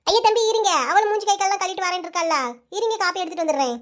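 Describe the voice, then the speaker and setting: A woman voicing a scolding middle-aged village mother with a southern Tamil Nadu accent, sharp and rapid. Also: extremely high pitch. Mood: fussing politely.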